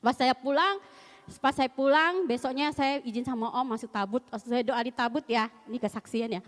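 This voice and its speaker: A woman's voice: high-pitched, a little fast. A middle-aged woman giving a chatty, slangy church testimony at a service, laughing often. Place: church hall. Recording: long hall reverb.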